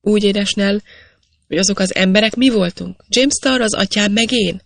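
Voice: medium pitch, vocal fry, fairly bright tone, dry recording. Earnest young miner read by a narrator. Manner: pressing, earnest questioning.

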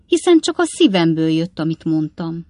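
A woman reads as a plump widowed cook who coaxes and flatters in a wheedling storybook voice. The lines come lifted and louder, recorded close and dry. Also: deep voice, dry recording. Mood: coaxing. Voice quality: wheedling, coaxing.

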